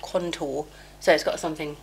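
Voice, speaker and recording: A deep, gravelly voice at a moderate pace with fairly even intonation comes through poor audio with a little hiss or hum. The speaker is a middle-aged beauty vlogger, slightly chesty with a cold, doing her makeup at home in a chatty, scattered, self-mocking get-ready-with-me ramble with many fillers. She wears a small clipped mic that is sometimes covered.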